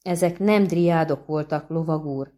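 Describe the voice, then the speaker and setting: A woman's voice: deep voice, mellow, close to an everyday voice. A woman voicing a small, clever girl who speaks earnestly in a trembling voice.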